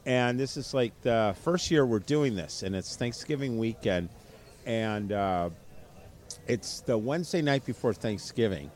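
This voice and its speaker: A man's voice: mid-range voice, lively intonation, a little slow, a little mellow. A man hosting a casual podcast chat, easygoing, laughing along and hesitating with fillers as he thinks. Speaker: podcast host.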